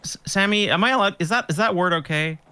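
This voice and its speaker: A man's voice: high-pitched, fast talker, sharp tone, clear, resonant tone. A man presiding as judge in a game role-play, playful and self-mocking as he reads out charges.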